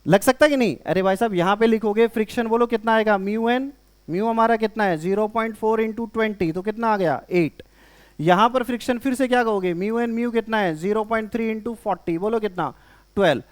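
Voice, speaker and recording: A man with a high-pitched voice teaches a classroom physics lesson. He talks in Hindi mixed with English terms and keeps firing questions at his students. He sounds lively and conversational, as he would in front of a live class. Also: a little fast, smooth. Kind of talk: classroom lecture.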